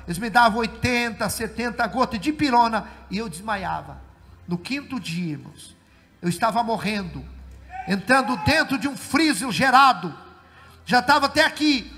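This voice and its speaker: A middle-aged man, a pastor, giving an emotional testimony sermon in church that swells into shouted preaching. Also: very high-pitched. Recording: church hall reverb with faint music.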